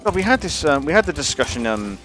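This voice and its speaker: A man's voice: on the high side, sing-song, quick pace, a bit bright, soft background music. A man ranting casually and profanely on a gaming livestream, rambling with lots of restarts. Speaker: gaming streamer.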